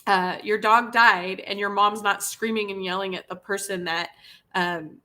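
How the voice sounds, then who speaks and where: Woman host, live casual talk, earnest and pleading, repeats herself, bright tone, sometimes tearful. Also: mid-range voice, fairly even intonation, a little slow. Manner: earnest, pleading, repeats words when emotional. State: tearful at times. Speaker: podcast host and pet spa owner.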